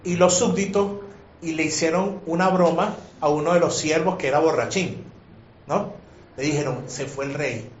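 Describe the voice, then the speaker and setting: An animated man leads a religious class and keeps firing questions at the group. His voice sits a bit high for a man. The sound is muffled and lo-fi, with echo from the room and faint background noise. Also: moderate pace. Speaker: teacher.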